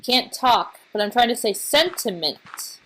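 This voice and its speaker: Slow-talking tired woman narrating a game. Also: medium pitch, fairly bright tone, poor audio. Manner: rambling, halting, trails off and restarts. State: tired, recovering from illness. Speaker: let's play host. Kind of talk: casual gameplay commentary.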